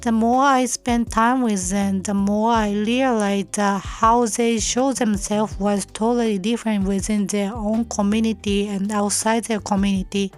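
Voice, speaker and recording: A young Japanese woman hosting her own podcast, reading a prepared self-introduction in careful, measured non-native English. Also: medium pitch, fairly even intonation, faint music behind. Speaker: podcast host. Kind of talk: scripted solo podcast narration.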